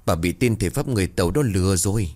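A man doing a stern old patriarch in an audio story, frail yet commanding. His low voice moves widely as he gives orders. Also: expressive, fast talker, a little mellow. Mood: angry. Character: ailing old man in a wheelchair, stern head of the house.

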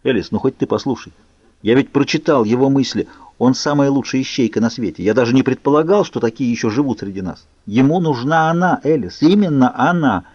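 A man voicing a cold, angry young male vampire in an audiobook, talking low and clipped. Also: animated, brisk, a little mellow, no echo, natural voice. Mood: urgent. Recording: muffled lo-fi recording.

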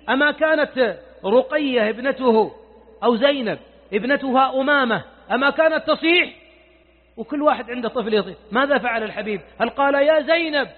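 A middle-aged Saudi man preaching a sermon with impassioned pleading and rhetorical questions. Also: extremely high pitch. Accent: Saudi Arabian. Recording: tinny lo-fi recording in a reverberant hall.

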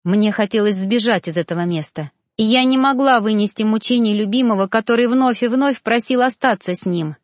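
A woman's voice: on the high side, a little fast, few pauses, dry recording, studio quality. Woman narrating a dramatic novel. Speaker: audiobook narrator. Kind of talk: first-person novel narration.

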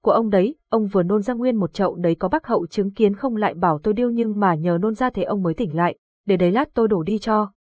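A woman's voice: mid-range voice, fast, darkish tone, breathy edge, no room sound, close to an everyday voice. Storybook young villager, polite and reassuring, dry close sound, read by a woman narrator. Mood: earnest. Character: young village man, anxious but steady helper.

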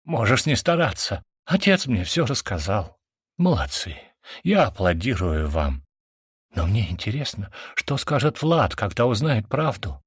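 A drunk young brother in a storybook, furious and sneering, his husky voice swinging hard up and down as he spits accusations, as a man acts him out. The sound is close and dry. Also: lowish voice, big pitch swings, a little slow, dry recording, exaggerated voice. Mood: mocking.

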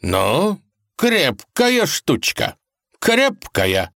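A man's voice: fairly high pitch, wildly swooping pitch, drawn-out words, creaky, fairly bright tone, dry recording, clean studio sound, pitched above the performer's own voice, exaggerated voice. A man voicing a jovial, boisterous older male kaiser who declaims rhymes.

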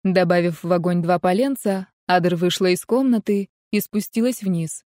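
A woman narrating a romance novel as an audiobook, in even, steady storytelling. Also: on the low side, moderate pace, dry recording, studio quality.

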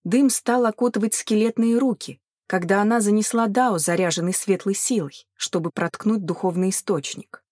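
Calm woman reading an audiobook. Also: medium pitch, moderate pace, few pauses, dry recording, studio quality. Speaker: audiobook narrator. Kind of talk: scripted narration.

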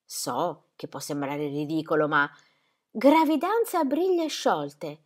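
A woman's voice: low voice, expressive, slow, heavily acted. A woman reading the part of an anxious young pastor's wife who pleads and repeats herself breathlessly. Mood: pleading.

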